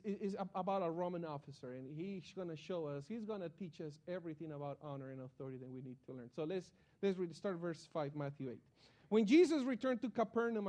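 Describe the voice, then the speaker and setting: A man with a notably high voice preaches to his congregation. He is a middle-aged pastor who tells personal stories with animation and often restarts his sentences as he goes. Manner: animated storytelling with frequent restarts.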